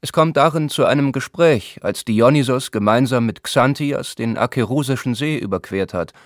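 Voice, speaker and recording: A man voicing a learned older gentleman who lectures pedantically, read aloud in an audiobook. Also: mid-range voice, normal speed, no echo, clean studio sound, voice pushed up, lightly acted. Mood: lecturing. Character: learned older gentleman showing off his Greek. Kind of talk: audiobook reading.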